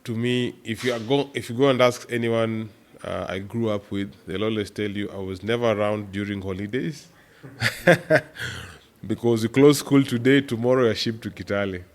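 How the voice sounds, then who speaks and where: On a podcast, a Kenyan startup executive shares stories of growing up on a farm, laughing as he goes. His voice sits on the low side at a moderate pace, and the interview has an easy, animated storytelling feel.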